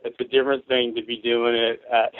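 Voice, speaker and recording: A rough, worn-voiced man in his forties from Tacoma, Washington, is a guest musician on an interview show, chatting casually and telling rambling, relaxed stories with frequent swearing. His pitch is medium, his tone level, his pace moderate. The line sounds tinny and phone-like, and dry.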